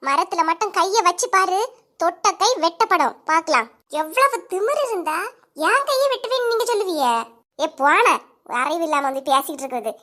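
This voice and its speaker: A woman voicing quarrelling village women in a cartoon comedy, sharp and scolding, with a Kanyakumari Tamil accent. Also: very high voice, very animated, normal speed, heavily acted. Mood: quarrelsome. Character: bickering village women neighbours, quick-tempered.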